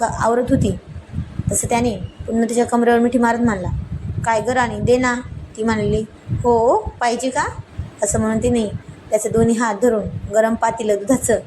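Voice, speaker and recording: A woman's voice: on the high side, background noise. A woman narrating a romantic family story and voicing the dialogue lines with small shifts.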